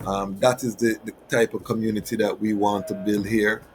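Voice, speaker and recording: A man's voice: fairly low pitch, flat delivery, normal speed, slight background noise. A man with a Jamaican accent speaking as a host in Rasta speech, making an informal appeal to his audience with patois phrases and proverbs. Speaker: host of a Rastafari reasoning platform.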